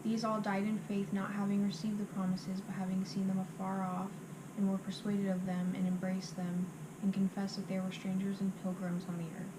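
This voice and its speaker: Female reciter, mid-pitched and monotone, delivering memorised scripture by rote in halting phrases; noisy amateur recording.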